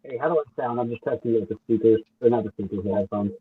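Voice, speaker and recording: A man's voice: medium pitch, very fast, breathy edge. A man hosting a podcast, chatting casually during a mic check while his microphone is overmodulated and clipping. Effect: overmodulated, clipping, muffled mic. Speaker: podcast host. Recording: muffled, distorted, phone-like mic.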